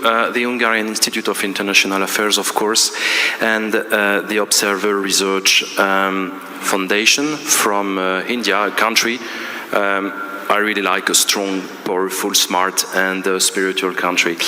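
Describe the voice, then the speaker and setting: Male panelist, halting delivery, low and sharp-toned, reverberant hall. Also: a little hiss or hum. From Belgium. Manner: halting, many fillers, searching for words. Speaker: panelist, international relations lecturer. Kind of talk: conference panel remarks. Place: large conference hall.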